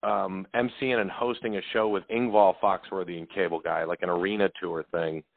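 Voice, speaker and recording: A man's voice: low-pitched, little pitch movement, fairly quick, gravelly, no echo. A man, a comedian guest, chatting casually about touring and telling loose stories. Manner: laid-back, says dude and like a lot. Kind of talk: casual storytelling chat. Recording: tinny phone-line sound, dry.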